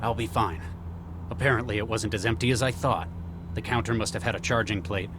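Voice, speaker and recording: Very deep, grave male agent played by an actor. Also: brisk, noisy background, lightly acted. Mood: matter-of-fact. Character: grave, remorseful male agent and scientist, calm and persuasive. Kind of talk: video game voice acting.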